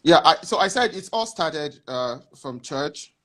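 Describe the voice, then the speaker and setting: A man, a guest on a video call, telling his story haltingly with many restarts. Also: on the high side, animated, fairly bright tone. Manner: hesitant, many restarts, reflective. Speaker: interview guest. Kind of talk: casual interview answers.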